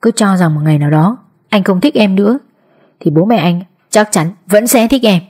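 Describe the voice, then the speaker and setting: A woman's voice: medium pitch, moderate pace, darkish tone, slightly rough, lightly acted. A woman voicing a lazy, teasing young boyfriend in an audiobook, talking offhandedly. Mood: offhand. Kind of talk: audiobook character voice.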